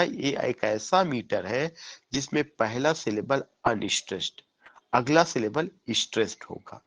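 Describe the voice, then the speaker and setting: A man's voice: mid-range voice, a bit bright. A man teaching English literature for an exam, mixing Hindi with English terms and answering his own questions to drill key points. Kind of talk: exam-prep lecture.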